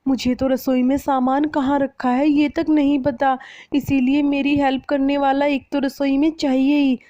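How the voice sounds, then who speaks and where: A woman's voice: high-pitched, flat delivery, moderate pace, warm tone, no echo, muffled recording, pitched above the performer's own voice, lightly acted. A woman doing a meek young bride. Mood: apologetic. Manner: polite, apologetic, eager to please. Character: meek young newlywed daughter-in-law.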